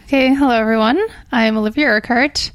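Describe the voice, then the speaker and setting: A woman's voice: fairly high pitch, fairly even intonation, fast talker, dry recording. A woman speaking casually as a guest in a podcast interview, recorded in a small room. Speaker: podcast guest, personal trainer.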